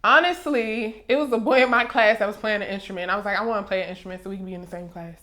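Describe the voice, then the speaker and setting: A woman's voice: medium pitch, very fast. A woman in her twenties from Maryland, a music artist relaxing into an interview chat in a recording studio and telling her stories with easy laughs. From Maryland, USA. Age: 20s. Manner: relaxed storyteller, laughs easily.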